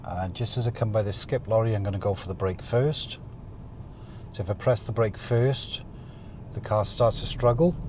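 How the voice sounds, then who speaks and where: A man talking through a driving lesson as an instructor, calmly explaining each step while he drives. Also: lowish voice. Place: inside a moving car. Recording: car interior with faint vehicle noise.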